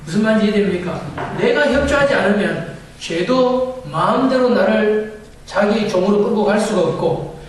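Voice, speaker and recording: A man's voice: high voice, normal speed. A male pastor giving a sermon, often asking the congregation questions and answering them himself. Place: church sanctuary. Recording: echoey church hall from far off.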